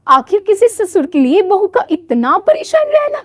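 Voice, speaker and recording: A woman's voice: extremely high pitch, sing-song, moderate pace, dry recording, studio quality, pitched above the performer's own voice. Prying elder sister-in-law, a woman putting her on, suspicious.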